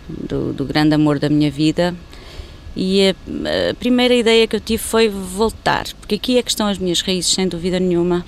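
A woman in her fifties from Angola, talking reflectively in an interview and pausing on fillers. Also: fairly low pitch, slight background noise. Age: 50s. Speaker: interviewee, newspaper editor.

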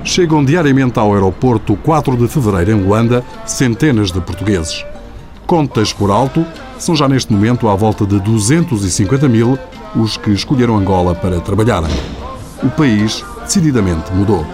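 A man, the reporter, reading scripted report narration in a measured way. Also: on the low side, animated, music in the background.

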